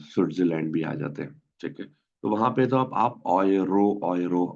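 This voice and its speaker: A man's voice: low voice, lively intonation, normal speed, creaky. A man teaching an online language class, patiently quizzing students and repeating words. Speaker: German teacher. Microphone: video call. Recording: dull lo-fi online class audio.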